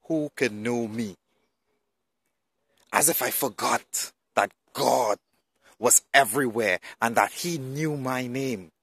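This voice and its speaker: A man's voice: medium pitch, slow, long pauses, a bit bright, husky, dry recording. A man telling his personal faith testimony in an earnest, emotional way, moving from storytelling into preaching.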